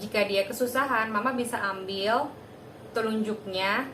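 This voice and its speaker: A woman's voice: moderate pace, fairly bright tone, reverberant, a little hiss or hum. A young woman hosting a parenting channel, explaining a home teaching routine in a casual, chatty way with many filler words. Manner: chatty, many fillers, breaks into high sing-song child-directed demos. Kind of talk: casual tutorial talk. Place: home room.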